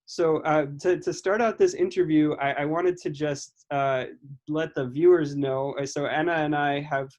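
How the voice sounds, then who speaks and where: Over a video call microphone, a podcast interviewer talks casually in a fairly high, steady voice with a darkish tone at normal speed. He keeps repeating and rephrasing himself partway through sentences.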